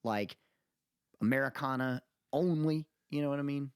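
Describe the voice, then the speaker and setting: Clear and resonant, this mid-range male voice moves at normal speed as a podcast co-host offers loose, rambling opinions on music in casual conversation. It's a dry recording.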